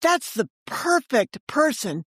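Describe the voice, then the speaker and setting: The guest, an older woman who writes books and used to edit them, tells animated stories on a podcast, voicing dialogue and asking rhetorical questions. Her voice sits high and sounds sing-song, slow, fairly bright and husky, with no echo.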